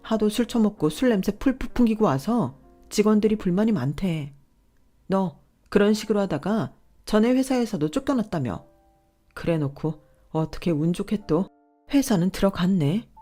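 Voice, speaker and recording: A woman voicing an angry wife who yells and hurls insults at her husband. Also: mid-range voice, big pitch swings, moderate pace, soft background music, pitched above the performer's own voice. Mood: scornful. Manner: yelling, scolding, sharp insults. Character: furious wife, adult woman, fed up.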